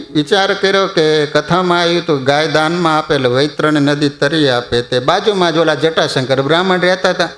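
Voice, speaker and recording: A man's voice: a little high, fairly bright tone. A male preacher telling a devotional story in a chatty way, often putting questions to his audience. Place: temple hall. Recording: echoey hall, faint music behind.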